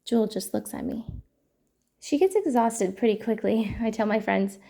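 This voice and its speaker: Gravelly, mellow-voiced storytime woman. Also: mid-range voice, lively intonation, normal speed. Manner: gentle, playful storytelling. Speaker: storytime host. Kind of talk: children's picture book read-aloud.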